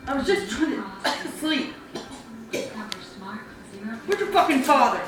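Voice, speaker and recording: A woman's voice: high-pitched, sing-song, slow pace, distant mic, crowd noise. A middle-aged woman scolding in casual, foul-mouthed exasperation, as a mother who is being pranked. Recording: echoey room, other voices around.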